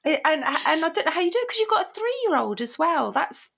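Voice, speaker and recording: Woman, high pitch, vocal fry, podcast co-host, informal interview chat, admiring. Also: very animated, brisk, fairly bright tone.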